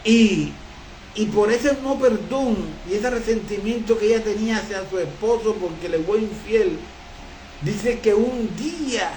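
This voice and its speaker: A man's voice: sits high, darkish tone, echoey room, slight background noise, rough recording. A man preaching a sermon, telling a story with an impassioned, repetitive cadence.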